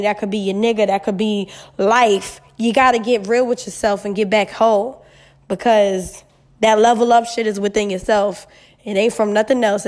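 Female host, mid-twenties, higher-pitched, emphatic and blunt, casual slangy advice talk, echo on the audio. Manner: blunt, sassy, heavy swearing, emphatic. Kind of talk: casual solo chat with advice, frank and slangy. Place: new, mostly empty apartment. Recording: echoey near-empty apartment room.

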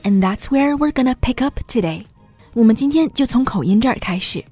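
A woman from England hosting a bilingual podcast lesson, explaining in Chinese and modeling English phrases slowly. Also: fairly high pitch, animated, darkish tone, slightly rough, soft background music. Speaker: host and English teacher.

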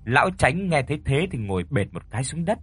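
A man narrating a ghost story in a dramatic, lively storytelling manner. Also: mid-range voice, fast talker, slightly rough, dry recording.

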